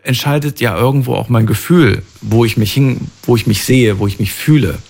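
A man hosting a conversational interview, asking calm, probing questions. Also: medium pitch, moderate pace, gravelly.

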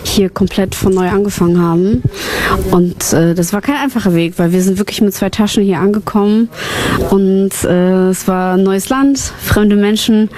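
A Ukrainian-born singer and songwriter talks openly in a casual personal interview, chatty and personal, with lots of fillers. Her mid-range voice is mellow and moves at a normal speed.

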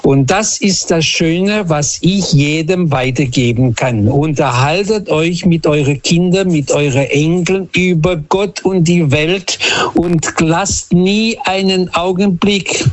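A man's voice: fairly high pitch, slow, dry recording. A man from Portugal calling in to a radio show and earnestly sharing a memory. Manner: earnest, heartfelt. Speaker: caller. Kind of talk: telling a story on a radio phone-in.

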